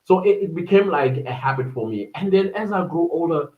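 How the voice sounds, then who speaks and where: A man's voice: on the high side, lively intonation, fairly quick, reverberant, narrow, tinny audio. A man in his thirties from Durban with a South African accent, talking casually on his solo podcast, rambling and searching for words with many fillers. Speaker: podcast host.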